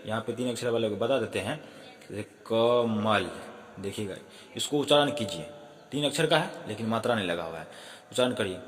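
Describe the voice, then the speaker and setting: A man's voice: medium pitch, fairly bright tone, in a large hall. A man teaching a casual spoken lesson who often stops to apologize and correct himself.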